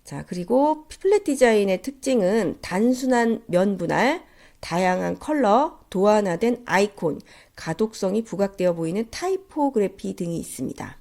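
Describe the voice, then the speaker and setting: A woman lecturer congested with a cold gives a polite, explanatory slide lecture in a nasal, stuffed-up voice. Her medium-pitched, mellow voice has lively intonation and a moderate pace.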